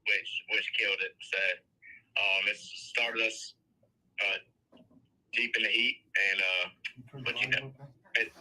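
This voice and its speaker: A young man, a race car driver, phoning into a show on speakerphone, talking haltingly with many fillers. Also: lowish voice, fairly even intonation, bright, forceful tone, rough recording. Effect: heard over a phone on speaker. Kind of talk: phone-in interview.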